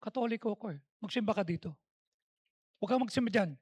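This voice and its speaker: A man's voice: high voice, quick pace, darkish tone, husky, no echo, studio quality. A man with a Filipino accent preaching a sermon as pastor, mixing English into his talk and acting out the voices in his stories, pressing harder on key points. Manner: switches between Tagalog and English, acts out quoted dialogue; emphatic, rising in force on key points. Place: church.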